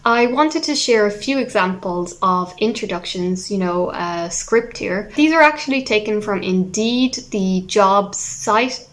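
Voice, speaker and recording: Irish woman, english teacher, young adult, musical, expressive, stresses words. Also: medium pitch. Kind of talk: online English lesson.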